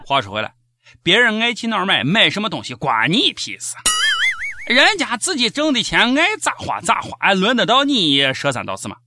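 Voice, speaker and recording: A man's voice: high voice, wildly swooping pitch, moderate pace, very noisy. A man with a Shaanxi accent hosting scripted satirical news commentary in a mocking, sarcastic manner. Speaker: host of a comic news show.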